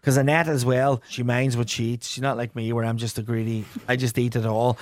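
A man's voice: mid-range voice, little pitch movement, a little fast, dry recording, studio quality. A middle-aged man with a Donegal accent, chatting casually as a podcast co-host with a wry, slangy, teasing manner. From Donegal, Ireland. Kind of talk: casual banter.

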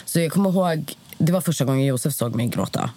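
Lågmäld kvinna som berättar livligt. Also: female voice, low voice. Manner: animated storytelling, acts out dialogue. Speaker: podcast guest. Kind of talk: casual chat.

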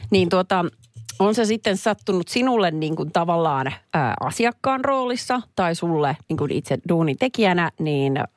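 A woman's voice: fairly low pitch, lively intonation, dry recording, studio quality. A woman co-hosting a casual radio chat, playful and teasing, laughing often. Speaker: radio host.

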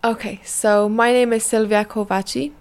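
A woman's voice: on the high side, little pitch movement, normal speed, smooth. A young woman, a program assistant talking easily about her work for a documentary. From Ireland. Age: young adult. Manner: chatty, easygoing explanations. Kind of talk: documentary interview. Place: outside a busy office.

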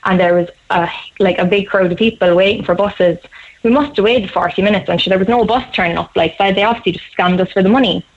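Quick-talking Cork Irish woman. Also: medium pitch. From Cork, Ireland. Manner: quick, animated, laughs through the story. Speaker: guest storyteller. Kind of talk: casual storytelling on radio. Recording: slightly dull radio sound.

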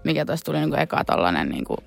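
A woman's voice: a bass voice, gravelly. A young woman, a music artist, chatting loosely as an interview guest with many fillers. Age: young adult. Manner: relaxed, rambling with many fillers. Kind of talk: casual interview chat.

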